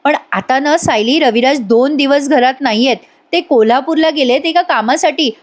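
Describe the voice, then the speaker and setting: Confiding older aunt, high-voiced, gently coaxing, voiced by a woman narrator. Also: moderate pace, natural voice. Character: worried older aunt on the phone.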